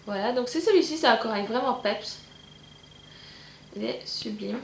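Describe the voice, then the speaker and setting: Chatty belgian woman vlogging her makeup haul, bit high voice, echoey room with a little hum behind. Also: moderate pace, gravelly. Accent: Belgian French. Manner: bubbly and chatty, with many fillers and repeated "donc voilà". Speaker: beauty vlogger. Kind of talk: casual haul video chat.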